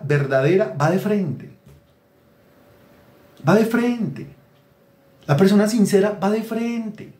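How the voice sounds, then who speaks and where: An animated male pastor, preaching a sermon and mimicking people to make his point. His voice sits fairly high but sounds mellow. The room is echoey.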